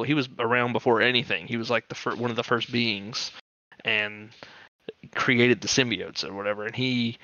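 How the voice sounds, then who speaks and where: A man's voice: mid-range voice, dry recording, muffled recording. A man co-hosting a podcast, chatting casually and eagerly about comic book stories. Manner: excitable fan, talks fast with many fillers. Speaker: podcast co-host. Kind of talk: casual chat.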